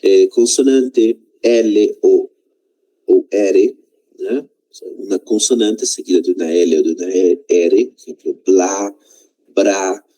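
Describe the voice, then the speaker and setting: A man whose first language is Spanish teaches a Portuguese lesson, mixing in Spanish words and checking in with "né?" and "tá?". His voice sits low, with a dark, mellow tone and a husky edge. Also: rough recording.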